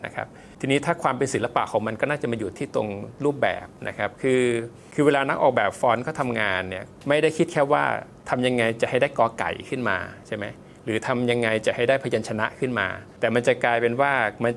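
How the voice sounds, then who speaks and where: A man's voice: medium pitch, a little hiss or hum. A man, a font designer guest, giving polite, step-by-step explanatory answers in an interview, with loose casual fillers.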